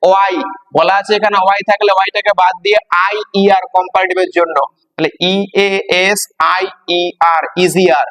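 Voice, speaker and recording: Male teacher, high voice, echoey reverb, slow emphatic letter-by-letter spelling. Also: little pitch movement, a bit bright. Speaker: English grammar teacher. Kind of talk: classroom-style grammar lesson.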